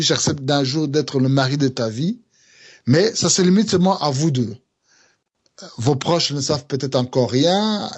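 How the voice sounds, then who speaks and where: A man's voice: fairly high pitch, breathy edge. A Congolese man with a Congolese French accent, a pastor giving earnest teaching on engagement, hesitating often with fillers and restarts.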